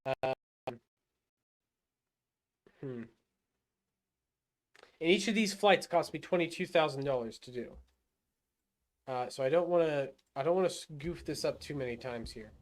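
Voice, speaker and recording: A gaming livestreamer with a slightly high, animated voice plays a rocket game, unhurried and pausing often. He thinks aloud and coaches himself through every move, muttering with fillers and restarts in casual live commentary.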